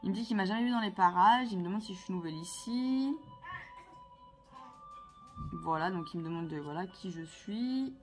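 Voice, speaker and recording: A woman's voice: mid-range voice, normal speed, long pauses, soft background music. A woman chatting casually to her viewers as she plays a video game, playful and talkative. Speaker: vlogger playing a video game. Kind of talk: casual gameplay commentary.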